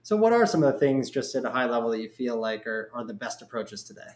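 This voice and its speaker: A podcast host conducts a casual interview, talking informally and rambling around his questions. His mid-range voice is sing-song and quick, and the sound is echoey and roomy.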